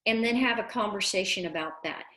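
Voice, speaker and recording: A woman's voice: mid-range voice, fairly quick, sharp tone. A middle-aged woman coaching parents in a live online class, earnest and emphatic, repeating words for stress. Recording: echoey room.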